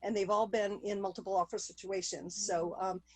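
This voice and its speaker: A woman's voice: medium pitch, steady tone, fairly quick, dry recording. A woman speaking as a real estate agent in a casual interview over a video call.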